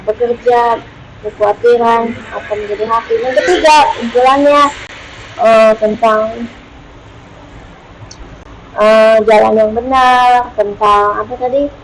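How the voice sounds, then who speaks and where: Lady teaching bible study online, kinda high voice, lots of pauses and ums, gets lively acting stuff out. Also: slight background noise, rough recording. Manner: unhurried, many hesitations, acts out prayers lively.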